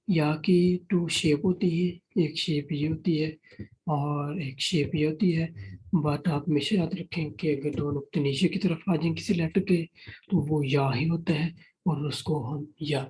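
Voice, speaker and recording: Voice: mid-range voice, fairly even intonation, a little mellow, slightly rough, rough recording. A Quran reading teacher giving a beginner alphabet lesson, patiently repeating each point and mixing in English words.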